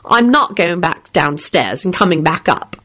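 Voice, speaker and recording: A woman's voice: fairly low pitch, lively intonation, unhurried, a bit bright. A woman reader voicing a firm, somewhat weary young woman who speaks in a prim, no-nonsense way.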